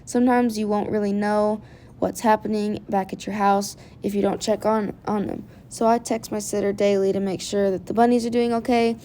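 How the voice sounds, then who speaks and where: A woman's voice: medium pitch, little pitch movement, moderate pace, dark tone, slight background noise. A woman with a groggy morning voice giving casual how-to tips as a pet vlogger, chatty and repeating words for emphasis. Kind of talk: casual how-to vlog narration.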